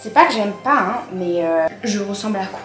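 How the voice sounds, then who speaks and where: A woman's voice: mid-range voice, lively intonation, brisk. A young woman chatting casually through a vlog, giving self-mocking commentary as she tries things out at home. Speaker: vlogger testing tips. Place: at home, later a bathroom. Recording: roomy room with faint music.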